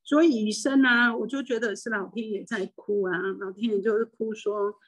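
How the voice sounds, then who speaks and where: A woman's voice: a little high, fairly even intonation, moderate pace, low-quality recording. Older woman with a Taiwanese Mandarin accent. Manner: rambling and emotional, with frequent restarts. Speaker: spiritual medium and hypnotist. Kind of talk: personal reflective monologue.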